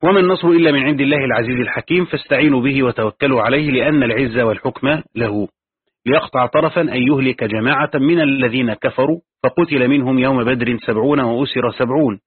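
The clip captures a Quran commentary lesson in which a man reads tafsir aloud and then explains it himself. His mid-range voice moves at a quick pace and has a breathy edge. It's a tinny, phone-like lo-fi recording without echo.

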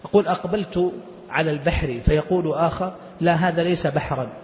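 A man's voice: on the high side, quick pace, darkish tone. Man lecturing in a reverberant hall. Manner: explains step by step, posing questions to students. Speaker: sheikh teaching Islamic jurisprudence. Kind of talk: classical Arabic lecture explaining a text. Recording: dull lo-fi recording with long hall reverb.

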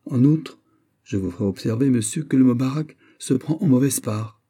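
A man reading aloud, voicing a gracious, gently spoken French courtier in an audiobook. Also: medium pitch, normal speed, voice pushed up, lightly acted. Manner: soft, gracious.

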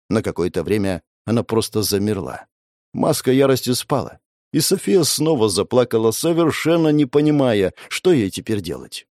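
Animated male audiobook narrator. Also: lowish voice, no room sound, studio quality. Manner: expressive, animated reading. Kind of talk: first-person fantasy narration.

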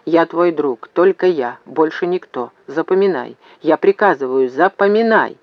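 A man's voice: fairly high pitch, expressive, moderate pace, no room sound. A stubborn young man barks orders over the noise of battle, as a male reader puts him on. His voice sits above the reader's own and pushes with urgency. The audiobook sound is dry and a little muffled. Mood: commanding. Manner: shouting, urgent. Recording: slightly muffled dry recording.

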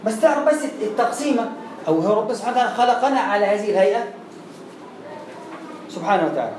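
Racing along in a high-pitched, animated voice with a darkish tone, a man with an Egyptian Arabic accent teaches Quran recitation. He explains chattily, repeating words and sounding out letters. The audio carries a roomy echo and faint background noise.

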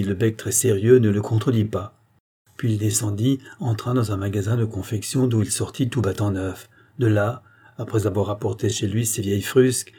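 A man reading a novel aloud as narrator in a measured, even manner. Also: fairly low pitch, slightly rough. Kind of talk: audiobook narration.

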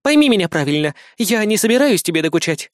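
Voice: mid-range voice, big pitch swings, fast, dry recording, clean studio sound, voice pushed up, close to an everyday voice. A reader voicing a tough young female agent in an audiobook, curt and commanding, with a mocking edge. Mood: stern, sarcastic. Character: tough young woman agent, stern and sarcastic.

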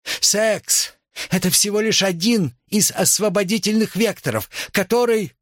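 A man voicing a fiery young female student revolutionary who declaims and shouts to rouse a crowd. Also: fairly low pitch, animated, unhurried, dry recording, clean studio sound, pitched above the performer's own voice. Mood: shouting.

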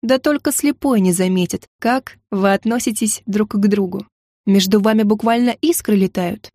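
A woman voicing a kindly male cook who talks patiently and chides gently. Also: mid-range voice, normal speed, no room sound, clean studio sound, close to an everyday voice. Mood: chiding.

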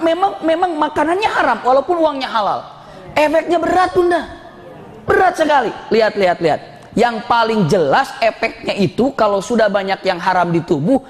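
A man, preaching a Ramadan talk with animated storytelling and jokes with the audience. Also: sits high. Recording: long hall reverb.

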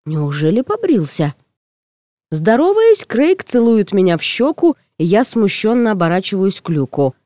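Reading first-person comic fiction as an audiobook, a woman narrates in an expressive, theatrical style. Her pitch is medium and her speed normal, with no room sound at all.

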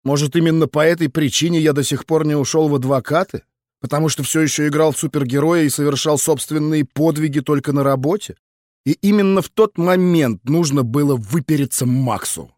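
A man's voice: a little high, a little fast, a little mellow, dry recording, studio quality. Wry, matter-of-fact male audiobook narrator. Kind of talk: first-person audiobook narration.

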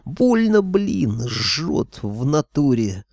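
A man's voice: lowish voice, a little slow, creaky, darkish tone, breathy edge, dry recording, full character voice. A man voicing Aristofan, a rowdy male imp who talks in street slang and wails when hurt, in an audiobook. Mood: wailing. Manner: street slang, wailing complaints.

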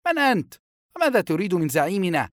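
A man's voice: high-pitched, very animated, quick pace, dry recording, clean studio sound, voice pushed up. A man voicing a wary young male guard warning a stranger in an audiobook. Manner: warning, then deferential.

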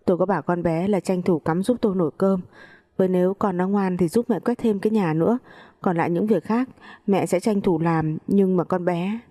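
A woman's voice: on the low side, fairly quick, dark tone, close to an everyday voice. A woman voicing a scheming mother-in-law in her late fifties who wails and pities herself tearfully. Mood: self-pitying. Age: 50s. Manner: tearful, self-pitying wailing.

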